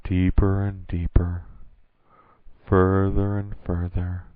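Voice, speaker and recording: Slow, low-voiced man giving hypnotic monotone induction. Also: dry recording. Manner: soothing, repetitive, hypnotic delivery with drawn-out pauses. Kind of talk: hypnosis induction, scripted guided relaxation. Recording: narrow phone-like band, roomless dry sound.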